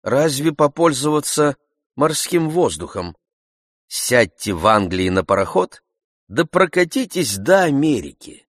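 A man reading an audiobook, voicing a brisk male doctor who lays out advice in a prescriptive way. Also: medium pitch, big pitch swings, dry recording, studio quality, pitched above the performer's own voice. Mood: advising.

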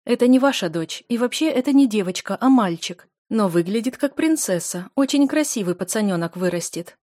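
A woman's voice: medium pitch, expressive, brisk, warm tone, no room sound, studio quality, close to an everyday voice. Woman reading as a soothing caretaker. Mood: reassuring. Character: soothing female orphanage caretaker.

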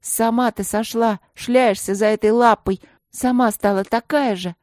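A woman's voice: a little high, moderate pace, darkish tone, dry recording, studio quality, voice pushed up, lightly acted. A woman reading a storybook voices a prickly, scornful teenage girl who snaps with contempt. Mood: angry. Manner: snapping and contemptuous.

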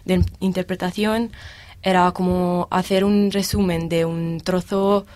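A young woman in her twenties from Italy, speaking Spanish as a second language with an Italian accent, answering interview questions with pauses while she searches for words. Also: fairly low pitch, level tone, darkish tone, dry recording. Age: 20s. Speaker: guest, exchange student.

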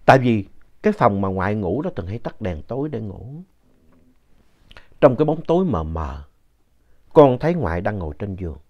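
A man narrating a ghost story in a conversational, lively way with asides to the listener. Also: fairly low pitch, moderate pace, long pauses. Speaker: story reader. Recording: dull lo-fi sound.

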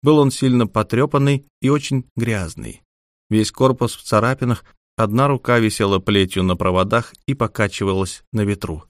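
A man's voice: on the low side, moderate pace, no echo, studio quality. A man reading scripted fiction as an audiobook narrator.

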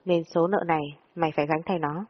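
A woman's voice: sits low, fairly even intonation, quick pace. A woman voicing a threatening male debt-collector thug who bullies a young woman in an audio story. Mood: menacing. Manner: menacing, contemptuous. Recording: dull lo-fi audio with long reverb.

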